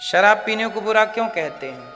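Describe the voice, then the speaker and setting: A man's voice: high voice, animated, moderate pace, sharp tone, big-room sound, soft background music. A man telling a devotional story as a sermon, asking the audience questions and answering them himself. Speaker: religious storyteller.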